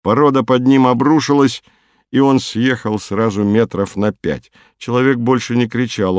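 Brief: male narrator, low voice, measured scripted reading, dry studio sound. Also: darkish tone, smooth, no echo. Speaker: audiobook narrator.

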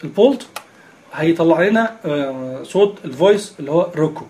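A man's voice: on the high side, expressive, a little fast, mellow. A man with an Egyptian Arabic accent explaining a screen reader step by step, with many filler sounds. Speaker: instructor.

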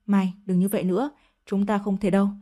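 A woman voicing a calm, restrained middle-aged father-in-law in an audio story. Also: medium pitch, fairly quick, close to an everyday voice.

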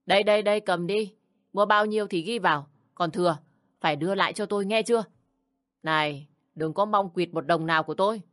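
A woman's voice: medium pitch, a little fast, dry recording, clean studio sound, close to an everyday voice. A woman voicing a bossy, contemptuous older mother-in-law who scolds and sneers. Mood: scolding.

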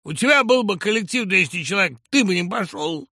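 A man reading an audiobook, voicing a loud, hysterical middle-aged male producer who rants and bullies. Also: medium pitch, sing-song, slow, slightly rough, no room sound, clean studio sound, exaggerated voice. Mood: ranting furious. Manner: ranting, shouting, bullying.

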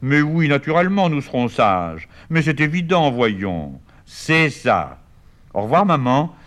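A man reading a play aloud, voicing a lively, bossy teenage boy with quick, bantering, mock-grand talk. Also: mid-range voice, pitched above the performer's own voice. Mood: cajoling. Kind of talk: 1960s stage-play reading.

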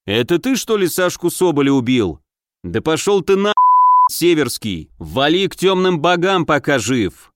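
A crude, hot-headed young male gate guard, as an audiobook narrator puts him on, yelling rough insults. The voice sits a bit high and the sound is dry and close. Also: very animated, unhurried, no room sound. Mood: furious. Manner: shouting, crude.

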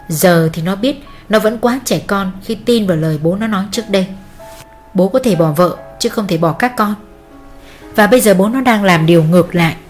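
A woman tells a dramatic family story in a steady, practiced narration. Her voice sits at an ordinary middle pitch. Soft music plays faintly beneath her reading. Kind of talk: scripted narration.

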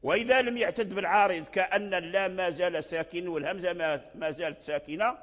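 In an echoey hall captured with dull lo-fi audio, a man teaching as a sheikh walks through a recitation poem, saying words aloud to show their pronunciation. He explains deliberately and restarts at times, his high voice steady and fairly bright.

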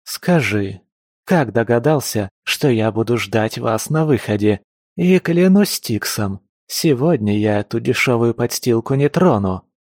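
A man's voice: mid-range voice, a little slow, a little mellow, dry recording. A man voicing a vengeful female beast-woman assassin who growls her threats in an audiobook. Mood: menacing. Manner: growling, menacing.

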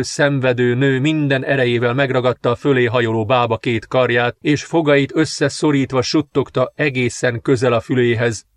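A man reading a fantasy novel aloud in measured, dramatic scripted narration. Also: medium pitch, dry recording. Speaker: audiobook narrator.

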